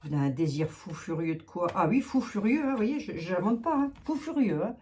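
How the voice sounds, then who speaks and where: A woman's voice: medium pitch, big pitch swings, a little fast, a little mellow, slight background noise. A woman giving a casual tarot reading to her viewers, thinking aloud with many fillers and asides. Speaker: tarot reader.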